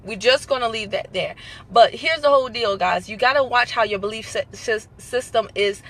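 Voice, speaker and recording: Hosting a casual live stream, a woman with a Southern American accent delivers an emphatic motivational pep talk, repeating her points and playacting little phone calls. Her voice sits a little high, somewhat bright, at a moderate pace.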